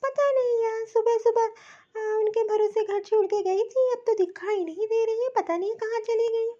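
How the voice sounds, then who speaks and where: A woman's voice: very high voice, steady tone, moderate pace, mellow, lo-fi sound. A woman doing a grumbling selfish sister-in-law. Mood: evasive. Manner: dismissive, grumbling to herself. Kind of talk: cartoon voice acting.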